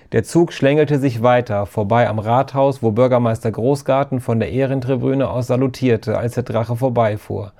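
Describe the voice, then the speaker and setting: A man reading a children's story aloud, steady and lively. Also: mid-range voice. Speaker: narrator. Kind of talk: storybook narration.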